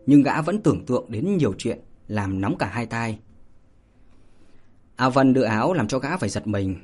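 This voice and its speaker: A man reading a martial arts novel aloud as narrator, steady and unhurried, with small fillers. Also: medium pitch, breathy edge. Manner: steady storytelling with spoken fillers. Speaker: audiobook narrator. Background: faint music.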